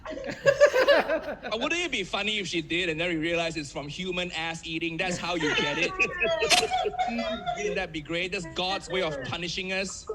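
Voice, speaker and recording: A young man from Malaysia with a Malaysian English accent, doing a stand-up comedy set over a video call, telling stories deadpan and laughing at his own jokes. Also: high voice, measured pace, pauses often, heavy background noise.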